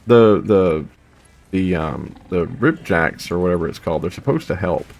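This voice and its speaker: A man's voice: deep voice, animated, moderate pace, vocal fry, a little mellow. A young man casually chatting and rambling while playing a video game, humming to himself between thoughts. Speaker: gaming video host. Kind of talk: casual let's play commentary.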